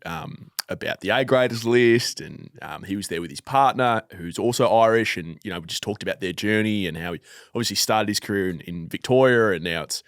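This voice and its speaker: Aussie bloke rambling about footy, low voice, dead dry room. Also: male voice, fairly quick, clear, resonant tone, dry recording. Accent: Australian. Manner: rambling storyteller, many fillers. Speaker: podcast co-host. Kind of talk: casual footy chat.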